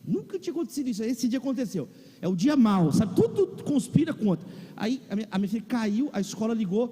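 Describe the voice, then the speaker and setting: His voice is extremely high, sing-song, mellow and breathy, and he talks fast. This male pastor, accented in Brazilian Portuguese, tells a comic personal anecdote within his sermon, heard through the long reverb of a large church or auditorium.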